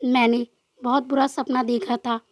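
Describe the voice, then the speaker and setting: A woman's voice: fairly high pitch, flat delivery, moderate pace, no room sound, clean studio sound, close to an everyday voice. A woman voicing a tearful, frightened young woman in a storybook love tale, speaking with a trembling, pleading tone. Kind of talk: storybook narration with voiced dialogue.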